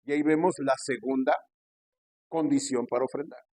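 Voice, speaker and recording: A man's voice: mid-range voice, steady tone, moderate pace, mellow, no echo. A man preaching a sermon, often asking the congregation whether they are listening. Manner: preaching with frequent call-outs to the congregation; acts out quoted pastors with pushy raised voice. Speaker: pastor.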